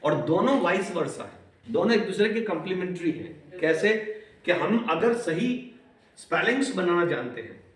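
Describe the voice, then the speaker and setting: High-voiced man lecturing in an echoey classroom. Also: sing-song, fairly bright tone. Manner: mixes Hindi and English, quizzes students, stretches words out slowly. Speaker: professor teaching a class. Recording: echoey classroom, far from the mic.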